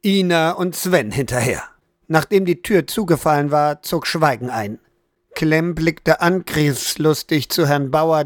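Man narrating an audiobook, high voice. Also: no echo, clean studio sound. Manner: measured, dramatic storytelling.

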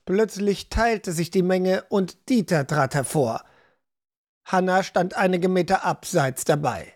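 A man narrating a fantasy audiobook in an even, storytelling manner. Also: high voice, unhurried.

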